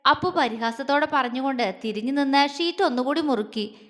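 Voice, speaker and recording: A woman storyteller giving an expressive, dramatic narration of a romantic audio story. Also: high voice, brisk. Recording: long reverb.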